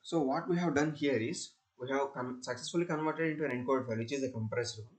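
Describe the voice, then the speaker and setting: Halting and prone to repeating himself, a young man walks through an unscripted screen-recording tutorial as a student presenter. His voice sits at a medium pitch.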